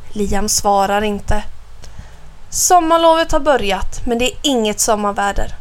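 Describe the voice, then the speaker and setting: A woman narrating a children's audiobook with clear, expressive storytelling. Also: medium pitch.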